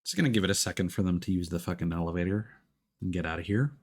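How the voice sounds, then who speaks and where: Speaking very fast in a low, darkish voice, this man offers casual live commentary on a game. He thinks aloud into a streaming microphone with headphones, with game music in the background.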